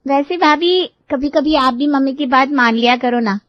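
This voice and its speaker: A bubbly young college girl, as a woman puts her on in a cartoon story, pleading in a raised, high voice. The recording is dull, lo-fi and very dry. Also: moderate pace, no room sound, lightly acted. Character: bubbly teenage college-going sister-in-law.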